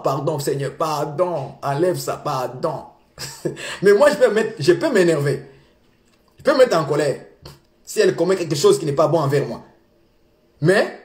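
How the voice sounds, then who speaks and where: A young man preaching relationship advice in an animated, repetitive way, laughing and stammering between points. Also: fairly high pitch, roomy sound. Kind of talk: lively sermon.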